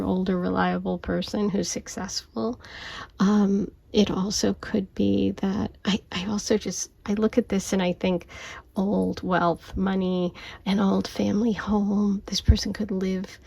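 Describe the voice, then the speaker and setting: Softly whispering husky woman. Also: mid-range voice. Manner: whispering softly, often unvoiced; intuitive, reassuring, says okay often. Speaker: tarot and oracle card reader. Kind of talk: casual spiritual card reading. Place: home at night, lamp light.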